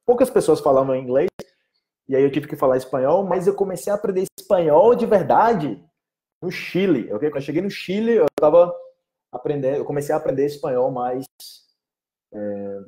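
A man's voice: fairly high pitch, animated, normal speed, mellow. A young Brazilian man teaching Portuguese in a casual live Q&A, rambling and often checking in with "entendeu?". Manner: chatty, rambling, keeps asking "entendeu?". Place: in Colombia.

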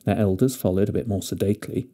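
A man narrating a fairy tale with gentle, expressive storytelling. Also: deep voice, fast talker.

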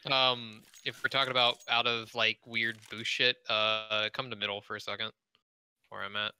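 Bright, smooth-voiced man giving game tips. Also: fairly low pitch, moderate pace. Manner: relaxed, explaining step by step. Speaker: playtester. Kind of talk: casual gaming voice chat.

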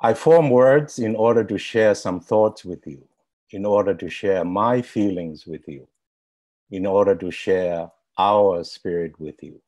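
A man with a somewhat low voice speaks very slowly. He recites a poem in a measured, rhythmic way, offered as a benediction to close an online forum. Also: dark tone. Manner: slow, measured poetic recitation. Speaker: stand-in poet.

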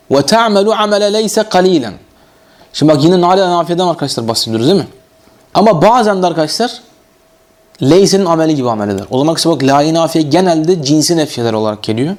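A man's voice: fairly high pitch, darkish tone. A man with a Turkish accent teaching Arabic grammar in a classroom lecture. He reads the text aloud, explains it and keeps asking his students questions.

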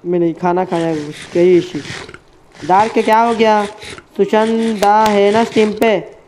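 A man's voice: sits high, steady tone, measured pace, a little mellow, slight background noise. A man streaming a game live, chatting casually with his viewers and friends. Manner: chatty, addresses chat and friends as bhai.

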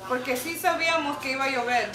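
A young woman, a mother, excitedly telling a story on a livestream and mixing in English words. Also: high voice, fast. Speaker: co-host, mother. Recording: echoey, distant, noisy livestream audio.

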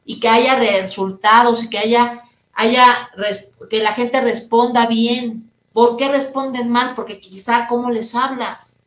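A woman therapist and speaker answering audience questions in a live online talk, speaking loudly and emphatically and asking her listeners questions. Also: fairly high pitch, steady tone, slow, roomy sound, poor audio. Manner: addresses listeners directly with rhetorical questions.

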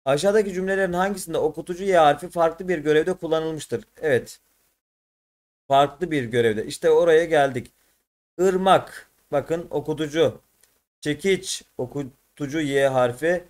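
Teacher, male, slightly high voice, tired, thinks aloud and self-corrects. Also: moderate pace, a little mellow. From Turkey. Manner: thinks aloud, corrects himself mid-solution. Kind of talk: exam prep lesson.

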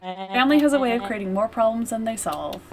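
A woman's voice: a little high, brisk, close to an everyday voice. A haughty young heir, read out by a woman from a storybook game. He is snooty and formal, with pompous phrasing, and music plays behind. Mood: haughty, dismissive.

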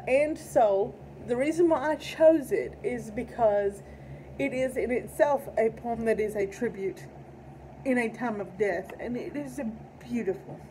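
Middle-aged female vlogger, Appalachian accent, carefully enunciated casual talk, somewhat high, recorded at home with slight noise. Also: mellow, low-quality recording. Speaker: video channel host and poet. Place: indoor room at home.

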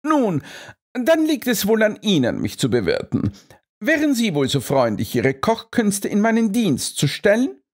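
A man's voice: high-pitched, huge pitch swings, a little slow, husky, voice pushed up, heavily acted. Man voicing Sherlock Holmes, cool and ironic. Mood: polite, ironic. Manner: polite, ironic, coolly precise. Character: shrewd male Victorian detective, calm and cutting. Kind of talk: audiobook character reading.

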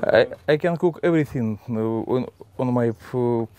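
Halting Russian-accented man, deeper voice. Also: a little mellow, slight background noise. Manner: halting, simple broken English with repeated words. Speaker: adventurer and sailor, interviewee. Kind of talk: casual interview, explaining. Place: on a sailboat in a marina, cockpit and cabin. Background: music.

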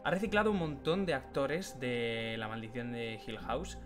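A man's voice: mid-range voice, fairly even intonation, normal speed, over music. A man from co-hosting a podcast, chatting casually and explaining things at length. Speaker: podcast co-host. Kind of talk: casual chat.

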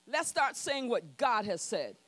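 Bold, bright-voiced woman preaching. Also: on the high side, sing-song, measured pace, no room sound. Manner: bold call-and-response preaching. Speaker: pastor. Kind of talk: sermon. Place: church sanctuary.

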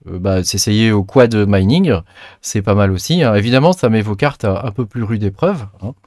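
A man's voice: on the low side, lively intonation, moderate pace, a little mellow, no room sound, clean studio sound. A man giving a casual, chatty tutorial over a screen recording, full of fillers and tag words. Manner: chatty, many fillers and trailing "hein". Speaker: crypto mining channel host.

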